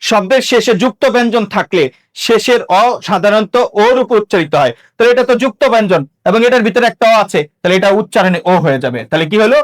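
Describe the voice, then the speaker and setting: A man's voice: sits high, expressive, fast. A young man teaching an exam-prep grammar lesson, repeating points and asking and answering his own questions.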